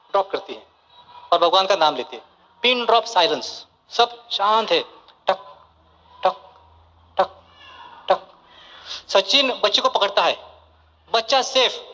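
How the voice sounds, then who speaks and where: A man's voice: high-pitched, pushed and bright. A man giving a motivational seminar speech in a large hall, mixing Hindi with English phrases and often checking in with his audience. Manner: keeps checking in with the crowd, asking for yes or no and saying okay. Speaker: motivational business speaker. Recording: reverberant hall sound.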